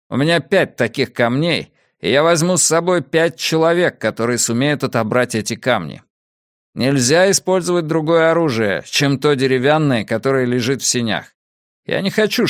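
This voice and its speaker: A man voicing a bold male warrior leader who calls out a challenge in a loud, raised voice. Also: medium pitch, dry recording, studio quality.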